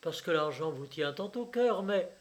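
A man doing a cold, calm young son. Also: fairly high pitch, normal speed, lightly acted.

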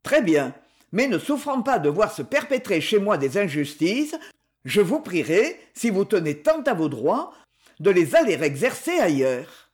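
A woman's voice: medium pitch, very animated. A woman voicing a cool, ironic young man. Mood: coldly ironic. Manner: cold irony, measured. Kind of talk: audiobook reading.

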